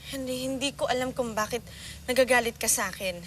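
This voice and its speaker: Actress as a high, pleading Filipino woman. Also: steady tone, brisk, a little hiss or hum, lightly acted. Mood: distressed, pleading. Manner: pleading, emotional. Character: distressed, pleading woman in a family melodrama. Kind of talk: Filipino TV melodrama acting.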